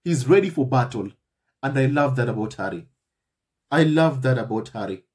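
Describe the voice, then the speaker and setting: Male host, mid-pitched voice, impassioned repetitive commentary to camera. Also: expressive, normal speed, darkish tone. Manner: emphatic, repetitive, addresses viewers as family. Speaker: channel host.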